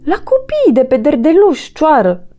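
A woman voicing a curious, cheerful young female cow in a storybook, excited and moo-ing. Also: high voice, pitched above the performer's own voice. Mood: eager.

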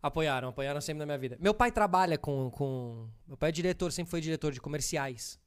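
Fast-talking teasing man. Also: fairly high pitch, clear, resonant tone. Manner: teasing, quick banter. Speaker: podcast host. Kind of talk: casual chat.

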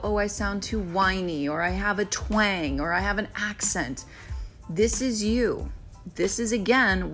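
A woman's voice: medium pitch, sharp tone. Brief: friendly woman podcaster, coaching tone, conversational, light music bed. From Florida. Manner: chatty, encouraging, asks "right?" often. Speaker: podcast host; real estate agent and video coach. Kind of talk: casual solo podcast talk.

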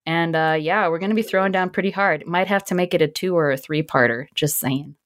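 Joking, slightly low-voiced woman co-host. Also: brisk. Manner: joking, laughs often, swears casually. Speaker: podcast co-host. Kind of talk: casual chat.

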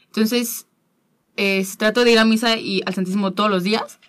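Woman guest, heartfelt testimony, hesitant repeats, mid pitch. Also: fairly even intonation, fairly bright tone. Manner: earnest, halting, repeats words. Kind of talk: personal faith testimony.

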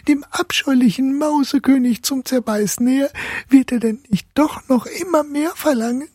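A man reading a storybook voices a tearful little girl, sobbing and lamenting in a breathy, husky tone. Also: very high voice, darkish tone, no echo, clean studio sound, pitched above the performer's own voice, full character voice.

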